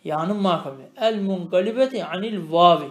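Man, high-pitched voice, teacher explaining a text line by line, quizzing the student, echoey room. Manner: reads Arabic phrases slowly, then explains them, often asking the student questions. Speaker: teacher of Arabic grammar. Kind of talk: traditional religious lesson, explaining a text line by line.

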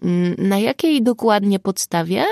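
A woman's voice: medium pitch, unhurried, gravelly, a little mellow, dry recording, clean studio sound, pitched above the performer's own voice. Woman doing a cool, unruffled police sergeant. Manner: cool, level, dryly ironic. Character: calm, ironic middle-aged police sergeant.

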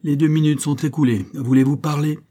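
A man's voice: a little high, steady tone, a little fast, mellow, pitched above the performer's own voice, natural voice. A man voicing a cold, implacable hooded crime master who gives curt, cutting commands. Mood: commanding.

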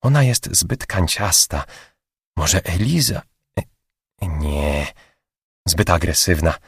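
A man's voice: low-pitched, expressive, slow, slightly rough, no echo, studio quality, exaggerated voice. A man voicing a chatty, anxious young female receptionist who gossips with a raised voice, for an audiobook. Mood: conspiratorial hush. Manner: raised gossipy voice, later hushed whispering.

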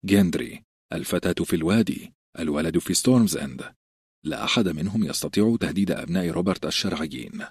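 Deep, husky male audiobook narrator. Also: lively intonation, quick pace, dry recording, clean studio sound. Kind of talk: scripted narration.

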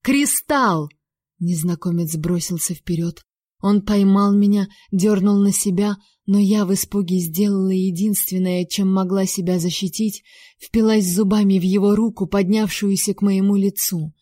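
A woman telling a story in first person as an audiobook narrator, steady and tense. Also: mid-range voice, moderate pace, dry recording, clean studio sound.

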